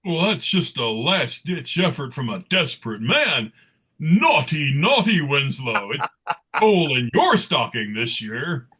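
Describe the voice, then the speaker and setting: A man voicing a jolly, gently scolding old Santa figure in a merry comic book table read. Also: a little high, very animated, takes it slowly, husky, heavily acted. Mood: playful scolding.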